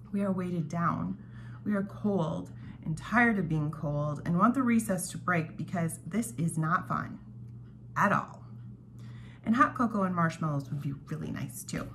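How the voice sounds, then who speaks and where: At home in her dining room, a woman hosts a devotional read-along, reading prepared reflections aloud and tossing in casual asides. Her voice is fairly low and fairly bright. It's a home recording with clear background noise.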